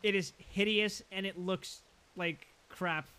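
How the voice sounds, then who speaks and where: Bright-voiced joking young man. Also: high voice, slow pace, clear, resonant tone. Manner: animated, laughs often, joking. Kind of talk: casual chat among friends.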